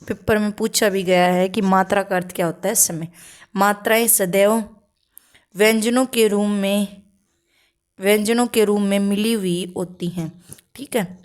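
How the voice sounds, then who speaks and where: A woman teacher runs through an exam-prep grammar lesson in a middle-pitched voice. She fires off questions and answers them herself in a steady drill. She keeps checking understanding with short "okay" tags between points. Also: unhurried.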